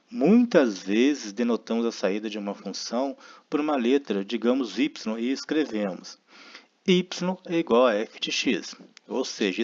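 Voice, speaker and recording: A man with a Brazilian Portuguese accent teaching a math lesson, explaining step by step and often checking in with his listeners. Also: mid-range voice. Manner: explanatory, frequent tag questions, thinking aloud. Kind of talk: recorded lecture. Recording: dull lo-fi recording.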